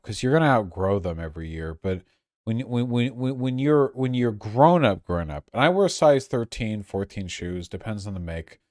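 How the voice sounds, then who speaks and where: A medium-pitched man, recorded cleanly in a studio with no room sound, rambles on a casual livestream while very drunk. He's crude and swears, loses his train of thought, and trips over repeated words.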